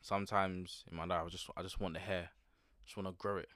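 A man's voice: low voice, level tone, quick pace, a bit bright, no room sound. A young man with a London roadman accent, chatting casually in heavy slang and repeating words for emphasis. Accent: London, urban roadman slang. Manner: slangy, informal, emphatic repetition. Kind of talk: casual chat, anecdotes.

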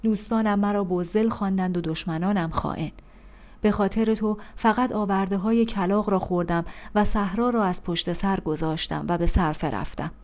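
A woman's voice: medium pitch, a little mellow, natural voice. A woman voicing an anguished male prophet. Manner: crying out in bitter reproach to God. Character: anguished male prophet grieving a ruined city. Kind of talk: audiobook reading.

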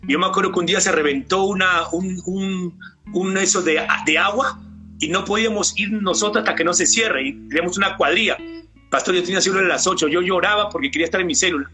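A man's voice: high-pitched, fast. A middle-aged man with a Peruvian Spanish accent giving an earnest faith testimony as a church cell leader, often addressing his pastor. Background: soft guitar music.

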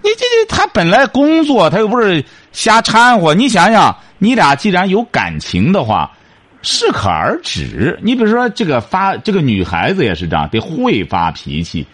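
A man's voice: high voice, huge pitch swings, moderate pace, fairly bright tone. A man hosting a radio advice show, lecturing a caller in an emphatic, repetitive way.

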